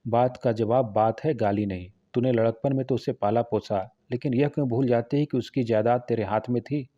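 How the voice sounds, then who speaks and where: Man reading a middle-aged village clerk, lecturing, reasoning, dark tone, dull lo-fi sound. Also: medium pitch, steady tone, normal speed, no echo, lightly acted. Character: calculating middle-aged village record-keeper.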